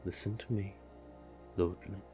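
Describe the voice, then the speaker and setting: A man with a low voice and little pitch movement plays a doting, possessive, manipulative male sea witch in an intimate audio roleplay, with faint music behind him. The mood is hypnotic and coaxing as he tenderly and unhurriedly coaxes the listener, using pet names.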